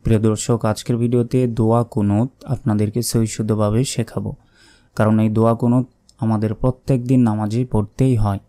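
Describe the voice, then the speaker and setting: A man teaching prayer recitation, drawing out each word slowly between quick explanations. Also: fairly low pitch, level tone, dark tone. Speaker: religious teacher. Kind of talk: recitation lesson.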